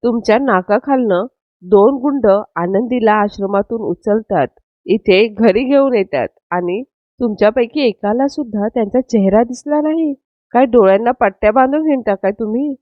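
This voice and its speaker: A woman voicing a commanding, protective male head of the family who is stern with staff and gentle with family. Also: a little high, moderate pace, no echo, lightly acted. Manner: stern, then soothing. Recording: dry, slightly dull lo-fi.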